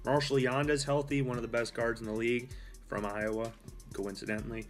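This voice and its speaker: A man's voice: medium pitch, flat delivery, a little fast, soft background music. A young man hosting a casual solo sports talk show, rambling and correcting himself as he goes. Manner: rambling, with fillers and self-corrections. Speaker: host.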